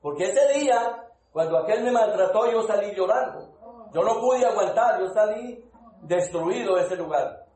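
A man preaching a testimony sermon, emphatic, slowing down to stress his points and calling out to the congregation. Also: high voice, expressive, a little mellow, reverberant, poor audio. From Colombia. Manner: calls out to congregation.

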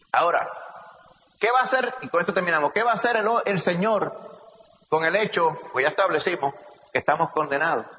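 A man with a Puerto Rican accent preaching a sermon, animated, asking rhetorical questions and calling listeners brother. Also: a little high, a little hiss or hum. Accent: Puerto Rican Spanish. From Puerto Rico. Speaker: pastor. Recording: echoey hall, slightly dull sound.

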